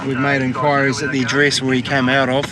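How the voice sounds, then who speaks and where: A man's voice: medium pitch, completely flat delivery, quick pace, a loud crowd. A male police officer with a New Zealand accent, giving matter-of-fact explanations and asking short casual questions. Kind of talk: casual on-the-job explaining and enquiries. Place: outdoors by a residential street. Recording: noisy outdoor street sound.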